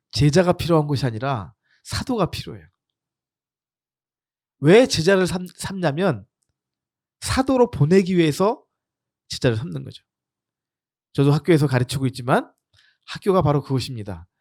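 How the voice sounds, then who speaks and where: A man's voice: on the high side, a little mellow, dry recording, studio quality. A male pastor who also teaches at a seminary, preaching a sermon. He explains with rhetorical questions, leads blessings, and often corrects himself with fillers. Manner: frequent fillers and self-corrections. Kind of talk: expository sermon to a congregation.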